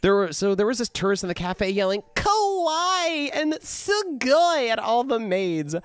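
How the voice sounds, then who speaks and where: A man voicing a tired café maid who talks in a weary, deadpan way. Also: very high voice, measured pace, clear, resonant tone, no echo, voice pushed up, heavily acted.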